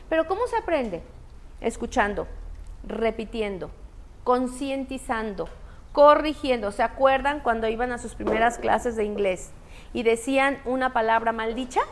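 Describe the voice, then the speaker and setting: A woman giving a parenting talk to an audience. She asks questions and then answers them herself. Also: on the high side. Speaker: parenting speaker.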